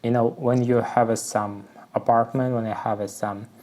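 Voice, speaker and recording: A man with a Russian accent, a native Russian speaker explaining English phrases from song lyrics, searching for words and filling pauses with "you know". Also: mid-range voice, little pitch movement, darkish tone. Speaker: English learning vlogger.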